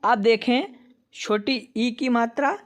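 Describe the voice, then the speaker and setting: Patient woman teacher, very slow and measured, sounds out each syllable for beginners. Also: a little high. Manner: patient, addresses viewers as friends. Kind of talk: slow lesson reading syllables aloud.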